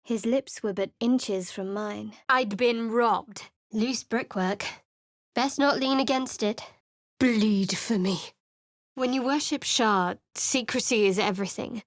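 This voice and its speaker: An actress records studio game lines as a companion, a secretive, guarded young cleric with a sardonic streak. She speaks slowly in a somewhat high voice on a dry recording, keeping her manner wry, dry and cool.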